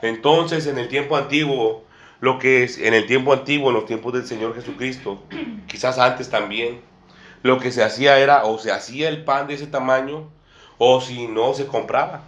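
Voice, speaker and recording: A man's voice: medium pitch, fairly even intonation, moderate pace, a bit bright. A man preaching a sermon to a small congregation, often repeating phrases and calling his listeners brother and sister. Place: church room with a table and a small congregation. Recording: echoey room.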